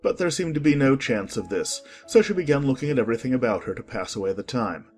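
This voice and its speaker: A man narrating a dramatized audiobook in an expressive storytelling manner. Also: fast, faint music behind. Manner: expressive storytelling, varied pitch.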